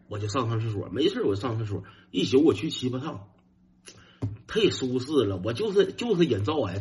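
Animated Northeastern Mandarin comic storyteller. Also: male voice. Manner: animated, self-mocking, jumps into high, whiny shouts. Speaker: stand-up comedian. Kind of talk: stand-up storytelling.

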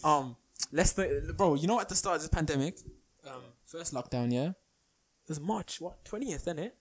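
A man's voice: a little high, expressive, normal speed. A young man with a London roadman accent bantering casually as a podcast co-host, full of slang and swearing. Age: young adult. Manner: swears freely.

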